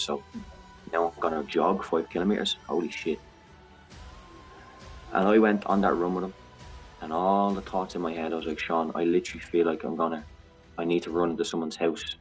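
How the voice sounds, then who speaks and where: A very deep-voiced man in his thirties talks openly and bluntly, dropping the odd curse as he tells his story. Faint music plays in the background. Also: poor audio. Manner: frank, blunt, swears freely. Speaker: guest sharing recovery story. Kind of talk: candid podcast conversation.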